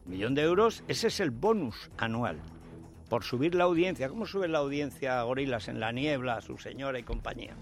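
A man's voice: medium pitch, expressive, a little fast, soft background music. A man with a Spain Spanish accent delivering a combative, sarcastic opinion monologue as a political commentator.

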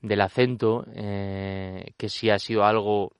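Young actor in interview, animated, restarts a lot, smooth resonant tone. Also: male voice, fairly low pitch, slow, dry recording, muffled recording. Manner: animated, with many restarts and repetitions. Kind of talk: casual interview talk.

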